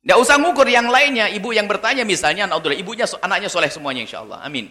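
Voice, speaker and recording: A male preacher delivers a lively sermon, his pitch swinging widely as he peppers the crowd with questions. His voice sits high and bright. The recording carries a long hall reverb. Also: very fast. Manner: animated, rhetorical questions to the audience.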